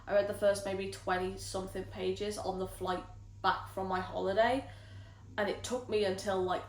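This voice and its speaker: A young woman chats informally to her viewers about her reading, with emphatic, casual phrasing. Her voice bounces noticeably off the bare walls of an unfurnished room, giving it a clear echo. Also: medium pitch. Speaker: book review vlogger. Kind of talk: casual chatty monthly reading review. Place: home library room with bare surfaces.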